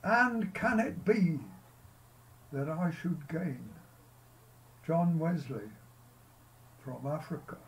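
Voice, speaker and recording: Filmed from afar in an outdoor field, an older man from Scotland conducts a church service with prayers and a brief sermon, solemn and measured. His voice sits on the high side, with lively intonation.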